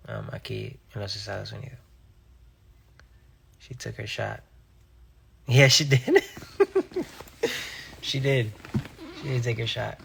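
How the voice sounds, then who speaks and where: Gravelly-voiced young singer from Rhode Island. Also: male voice, on the low side, measured pace, pauses often, slight background noise. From Rhode Island, USA. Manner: relaxed, reads viewer questions aloud and answers offhandedly. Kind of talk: casual live-stream chat answering viewer comments.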